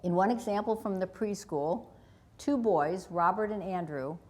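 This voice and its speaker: A woman author reading aloud from her parenting book in a measured, calm way. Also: mid-range voice.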